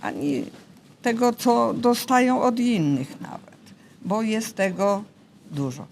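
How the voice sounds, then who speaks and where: An old woman in her seventies talks in a casual interview. Her pitch swings in a lively way as she makes her points politely but insistently, in folksy terms. There is light ambient noise behind her. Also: slow pace. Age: 70s. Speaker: interviewee, retired grandmother.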